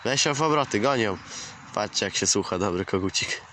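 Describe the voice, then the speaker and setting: A poultry keeper vlogs casually in his farmyard, talking to viewers while coaxing and scolding his chickens and occasionally swearing. His voice is lowish, expressive, and brisk. The outdoor camera audio clearly picks up clucking hens and a crowing rooster.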